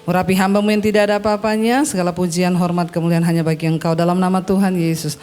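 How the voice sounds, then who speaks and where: A woman's voice: lowish voice, level tone, quick pace, darkish tone. A woman pastor preaching a sermon to her congregation, exhorting them in call-and-response and mixing casual asides with formal prayer.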